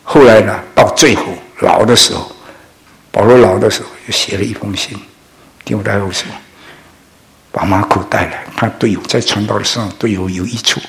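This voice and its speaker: Older man, pastor, sermon, anecdotes, loud and soft swings. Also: on the low side, fairly even intonation, fairly quick, creaky, poor audio. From Indonesia. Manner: storytelling with laughs and acted quotes, swings loud and soft.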